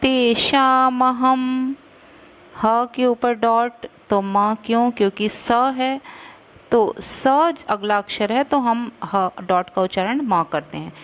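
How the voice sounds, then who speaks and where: Slow, careful woman teaching verse recitation. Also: fairly high pitch. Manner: chants verses slowly, then explains quickly; careful, spells out syllables.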